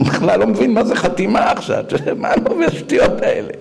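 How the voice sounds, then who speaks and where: A man giving a Torah lecture, telling animated stories with mocking asides and acted-out voices. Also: sits high, vocal fry. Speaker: rabbi lecturer.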